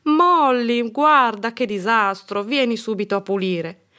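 A woman's voice: fairly low pitch, animated, normal speed. A woman voicing a firm but loving mother in a storybook reading, with a scolding yet tender manner.

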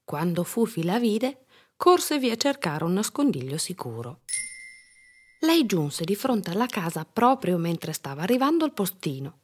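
A woman's voice: lowish voice, measured pace, slightly rough. Woman reading a children's story aloud. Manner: warm, expressive storytelling.

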